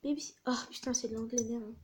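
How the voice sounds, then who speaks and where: A chatty woman host talking casually as she browses stories for her video, swearing freely and now and then dropping into a whisper. Her voice sits high, with a faint hiss of noise behind it. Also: fairly even intonation, fairly quick, dark tone. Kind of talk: casual chat.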